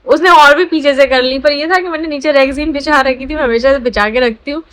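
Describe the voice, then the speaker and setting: A woman's voice: high voice, a little fast, a bit bright. A young woman, a new mother, chatting casually at home in a vlog, confiding and chatty. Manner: chatty, confiding, baby talk.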